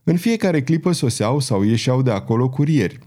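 A man giving a dramatic, expressive reading as an audiobook narrator. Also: mid-range voice. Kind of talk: scripted narration.

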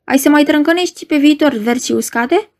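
A bleating, goat-like man's voice mocks and sneers at everyone, as a woman reader puts him on. He sits high and needles every line, a storybook trickster with no respect for anyone. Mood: commanding. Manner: sneering, mocking. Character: mocking lanky male magician's assistant, bleating.

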